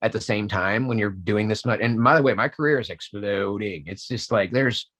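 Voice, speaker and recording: A man's voice: lowish voice, moderate pace. A man in his forties, a voice actor, telling stories in a casual interview, full of restarts and acting out what people said. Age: 40s. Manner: animated storyteller, acts out quotes, many restarts. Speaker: voice actor guest.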